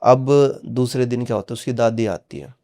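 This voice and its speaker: A man's voice: medium pitch, steady tone, normal speed, mellow. A man casually recounting a horror story on a podcast, acting out the dialogue with frequent "he said" tags. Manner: retells dialogue with many "he said" tags.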